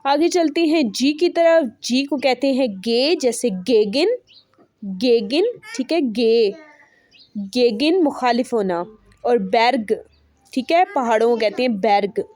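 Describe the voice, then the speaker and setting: A woman teaching an online language lesson, repeating each example word slowly and checking in with her viewers again and again. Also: fairly high pitch, expressive, a little mellow. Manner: repeats words slowly and says "ठीक है" often.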